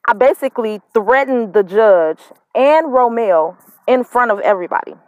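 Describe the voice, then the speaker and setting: The recording is dry and muffled, and the woman's fairly high, slightly mellow voice is expressive at a normal speed. In her thirties, not from Mississippi and formerly living up north, she recounts her custody fight directly to camera in a casual vlog. Smoking and on the verge of tears, she's frustrated and repeats herself for emphasis.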